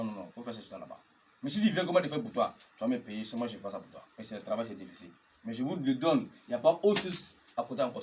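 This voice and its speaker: Guy teaching geomancy, chants the same lines over and over, keeps asking "you get it?", bit of hiss behind. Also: medium pitch. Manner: repetitive, chants formulas over and over; often checks understanding with questions. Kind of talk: instructional talk.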